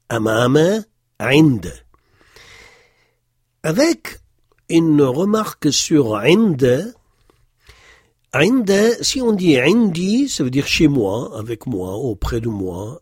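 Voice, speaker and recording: A man teaching a language lesson, explaining slowly and patiently with frequent hesitations, stressing the example words he pronounces. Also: mid-range voice, breathy edge, dry recording, studio quality. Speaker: Arabic teacher. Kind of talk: slow spoken lesson walking through worksheets.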